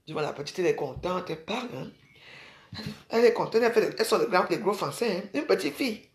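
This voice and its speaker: A woman's voice: fairly low pitch, animated, fast talker, roomy sound. A woman from Cameroon, rambling casually to her viewers and calling them sisters. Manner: chatty, addresses viewers as sisters. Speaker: vlogger.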